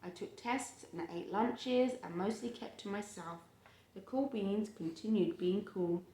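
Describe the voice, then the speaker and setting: In an echoey, roomy home recording, a mid-range female voice reads a picture book to a child. She pauses to chat about the story and draws out phrases with expressive emphasis.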